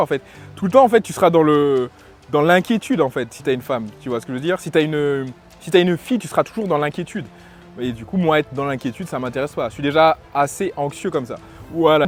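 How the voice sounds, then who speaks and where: A French man who works as a lifestyle and dating coach shares casual opinions in a vlog, speaking haltingly with plenty of fillers and restarts. His voice is slightly high.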